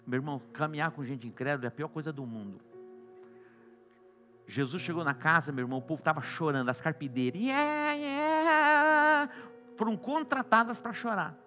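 A Brazilian man delivers a sermon in a bright, forceful voice that sits a little high. He swings between loud exclamations and quiet, hushed lines, with faint music playing behind him. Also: expressive, brisk. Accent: Brazilian Portuguese. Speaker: apostle preaching.

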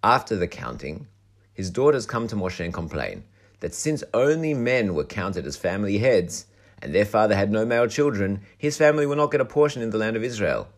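A rabbi with a hoarse, croaky voice delivers a calm, explanatory Torah lesson. His voice sits very low, yet his pitch rises and falls in a lively way as he makes his points. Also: fairly quick. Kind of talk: recorded weekly Torah lesson.

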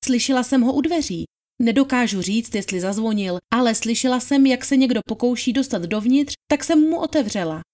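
A woman's voice: fairly high pitch, animated, darkish tone, natural voice. A woman reading the part of a deferential young housemaid giving witness testimony in plain, polite answers. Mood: testifying. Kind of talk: dramatized trial testimony reading.

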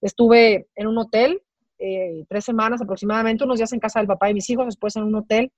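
A woman's voice: on the high side, fairly even intonation, no echo. Emotional Mexican woman telling her story. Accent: Mexican Spanish. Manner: halting, repeats words, voice breaking with emotion. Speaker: interview guest. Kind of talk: emotional personal account. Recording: dry, slightly dull recording.

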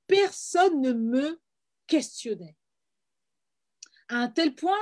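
A woman's voice: on the high side, darkish tone. A middle-aged woman from Paris with a French accent, speaking earnestly and reflectively as an interview guest, with frequent hesitations and repeated words. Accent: French from France. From France, Paris. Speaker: guest, filmmaker and playwright. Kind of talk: personal testimony in an interview.

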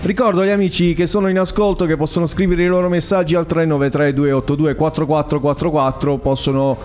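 A man's voice: fairly high pitch, little pitch movement, fast talker, a little mellow. A man hosting a casual, conversational radio show. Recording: music behind the voice.

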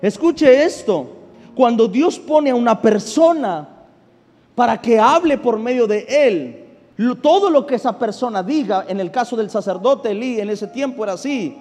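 Male pastor, very high voice, sermon, asks and answers questions, calls for congregational response, long hall reverb. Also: expressive, moderate pace, a little mellow. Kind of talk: sermon reading and explaining scripture. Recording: long reverb with faint music behind.

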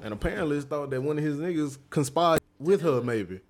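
A man co-hosting a casual chat show, tossing in quick reactions and swearing. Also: a little high, animated.

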